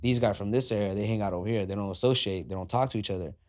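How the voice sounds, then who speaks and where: Lively young man telling stories. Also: fairly low pitch, racing. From Southern California. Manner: animated, acts out quoted dialogue. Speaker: guest, skateboarder. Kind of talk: casual storytelling. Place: cluttered garage studio, indoors. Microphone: podcast mic on boom arm.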